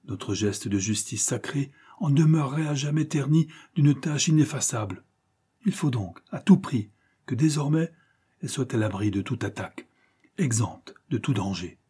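A man voicing an impassioned young male avenger with a husky voice and declamatory delivery. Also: medium pitch, mellow, natural voice. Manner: declamatory, rising to vehement cries. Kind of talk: audiobook character reading.

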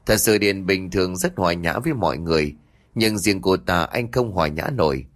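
Low-voiced man narrating ghost stories. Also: expressive, fairly quick. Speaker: storyteller.

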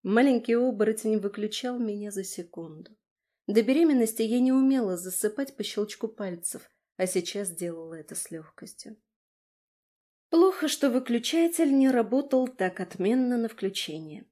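A woman narrating a first-person audiobook with lively, ironic delivery. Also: on the high side, normal speed. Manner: lively, ironic, voices dialogue.

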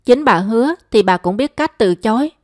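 A woman voicing a gentle weary father. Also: on the high side, animated, moderate pace, no room sound, clean studio sound, natural voice. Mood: reproachful. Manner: soft, patient, resigned. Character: gentle, weary older father, mild-mannered.

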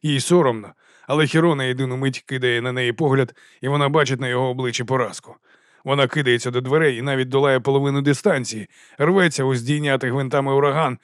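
A man narrating an audiobook in an even, measured way. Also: mid-range voice, no echo, clean studio sound.

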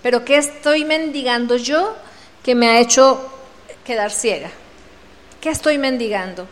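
A woman with a high voice gives a slow devotional talk, lingering over each phrase. She reads the scripture dramatically and acts out the voices in the story. Her voice rings through a large hall with a long echo. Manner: dramatic read-aloud, acting out the voices in the story. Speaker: speaker at a women's retreat. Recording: reverberant hall.

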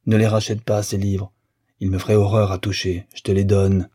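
A man's voice: fairly low pitch, little pitch movement, moderate pace, warm tone, slightly rough, dry recording, clean studio sound. A man voicing a wrathful old lawyer. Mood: furious. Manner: hammering, indignant outbursts. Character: older male lawyer, stern and wrathful.

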